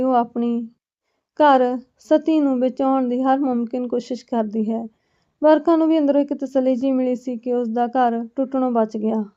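A woman narrates a family story in a steady, earnest reading. Her voice is high, with a soft, mellow tone. The recording is dull and lo-fi.

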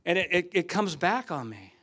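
Animated man preaching a sermon. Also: high-pitched, normal speed, slightly rough. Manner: animated storytelling, swings from loud to hushed. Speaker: guest preacher. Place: church sanctuary.

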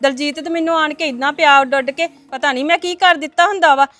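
A woman's voice: sits high, steady tone, fast, a bit bright, soft background music. A woman plays an offended neighbor who complains in an aggrieved tone. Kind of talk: family web series acting.

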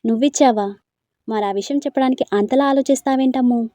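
A woman's voice: sits high, fast talker, dark tone, dry recording, natural voice. A woman reading a storybook, voicing an affectionate elderly grandfather who asks fond questions.

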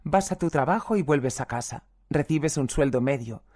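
Reading first-person testimonies for an audiobook, this medium-pitched narrator stays calm and measured throughout. The translator's footnotes get read aloud too.

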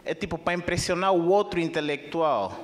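A young man with an Angolan Portuguese accent performing a stand-up comedy set on a theater stage, speaking into a handheld microphone. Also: a little fast. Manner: animated, jumps into high squeaky put-on voices. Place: theater stage with live audience.

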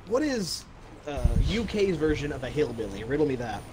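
A man's voice: a little high, sing-song, moderate pace, crowd noise. A man, joking and teasing friends in gaming voice chat.

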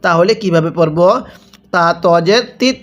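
Male teacher, high register, patient spelled-out recitation drills, long drawn syllables, call-and-repeat. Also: lo-fi sound. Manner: slow, drawn-out syllables with repeated prompts to read along. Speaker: Quran reading teacher.

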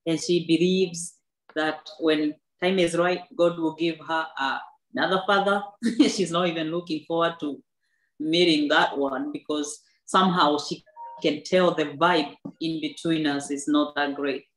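A woman in her thirties, an author appearing as a guest at a book club, shares a personal testimony in an earnest, faith-filled and reflective manner, often restarting her sentences. Her voice is low, steady and unhurried. The rough, reverberant recording was made in an indoor room with a backdrop.

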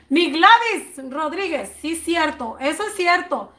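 High-voiced chatty woman. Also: expressive, bright, forceful tone. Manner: chatty, greets viewers by name with slow drawn-out words; thinks aloud while working out prices. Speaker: baking channel host. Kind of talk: casual live-stream chat with viewers.

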